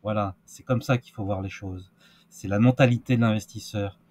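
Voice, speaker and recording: A man's voice: fairly low pitch, fairly even intonation, normal speed, a little mellow. A man giving casual crypto market commentary, hesitant with many fillers and restarts. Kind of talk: casual screen-share market analysis.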